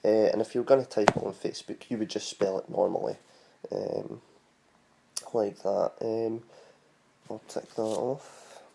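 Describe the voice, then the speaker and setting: A man's voice: on the low side, fairly even intonation, measured pace, vocal fry, long pauses, warm tone, slightly rough. A man with a Scottish accent explaining words in a casual home tutorial, rambling and hesitant with many ums and restarts. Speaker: vlogger teaching words.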